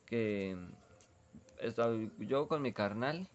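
A man's voice: mid-range voice, slow. Young mexican dude rambling from his bedroom, dull lo-fi mic with a faint hiss. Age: young adult. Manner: laid-back and rambling, heavy with slang. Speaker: vlogger. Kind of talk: casual slangy rambling chat.

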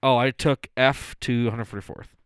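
A man's voice: mid-range voice, fairly even intonation, moderate pace, fairly bright tone, clear, resonant tone, no room sound, studio quality. A man in his thirties telling a story as a podcast co-host, casual and full of profanity. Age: 30s. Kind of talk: casual chat.

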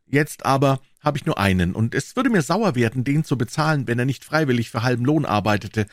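Guy doing a jumpy high-voiced shopkeeper, all exclaiming, storybook style. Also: big pitch swings, brisk, dry recording, clean studio sound, lightly acted. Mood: chatty. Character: excitable middle-aged male pawnbroker, plain-spoken. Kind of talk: audiobook character voice.

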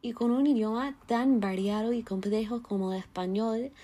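A woman hosting an interview, delivering her narrated links and questions in smooth, prepared phrasing. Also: a little high, fairly even intonation, normal speed, mellow. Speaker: interviewer and show host. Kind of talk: podcast interview with narrated segments.

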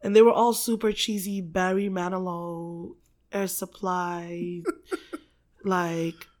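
A woman's voice: lowish voice, flat delivery, slow pace, a little mellow. A woman from the Philippines chatting casually as a podcast guest, laughing often, swearing freely and filling gaps with um and like. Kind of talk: casual chat.

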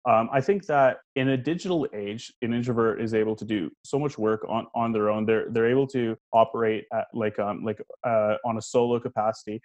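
A man's voice: on the low side, steady tone, fairly quick, few pauses, darkish tone, lo-fi sound. Hesitant man full of ums. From Canada. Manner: hesitant, many ums, uhs and restarts, frequent chuckles. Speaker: podcast guest. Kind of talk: casual podcast interview.

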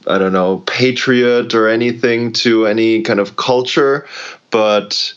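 A man's voice: mid-range voice, fairly even intonation, measured pace, clear, resonant tone. A man in his thirties, originally from the United States, who talks reflectively in a casual conversation and hedges often with "like" and "you know". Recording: slightly dull, lo-fi audio.

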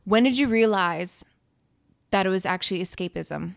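A young woman co-hosting a relaxed podcast chat. She rambles and digresses, often stopping to ask if her point makes sense. Her voice sits at an ordinary middle pitch. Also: normal speed, vocal fry. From Canada. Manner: chatty, digressive, often checks for agreement. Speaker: podcast co-host. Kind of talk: casual chat.

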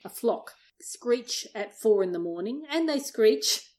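A woman's voice: a little high, lively intonation, slow, darkish tone. A woman on a call, chatting casually about a book and commenting on passages she reads aloud. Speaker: discussion partner.

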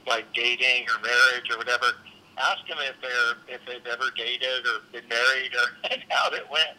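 A man answering a call heard over a phone on speakerphone, friendly and brisk because he is pressed for time. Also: medium pitch, steady tone, pushed and bright, slight background noise, low-quality recording. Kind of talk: casual phone conversation.

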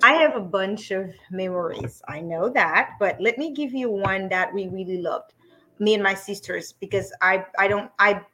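A middle-aged Haitian woman, a business coach, is a guest on a casual podcast interview, talking about herself hesitantly with many ums and frequent laughs. Her mid-range voice is bright and forceful, at normal speed.

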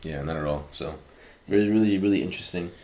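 A man co-hosting a casual podcast chat, his voice sitting a little low. He talks quickly and rambles on, filling every pause with "you know" and "uh". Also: warm tone. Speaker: podcast co-host.

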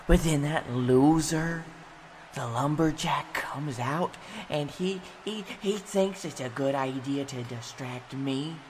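A man's voice: on the high side, a little hiss or hum. An actor playing a bitter young male wrestler who rants and sneers at his father. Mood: furious. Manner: ranting, shouting and sneering.

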